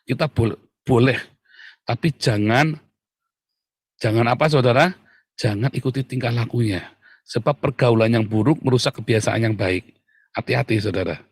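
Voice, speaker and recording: A man preaching a sermon in a lively way, often turning to address the congregation directly. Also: mid-range voice, moderate pace, pauses often, slightly rough, dry recording, clean studio sound. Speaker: pastor.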